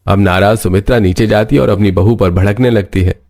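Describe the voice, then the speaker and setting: A man narrates a cartoon story with a steady, even storytelling manner. His voice sits low. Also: brisk.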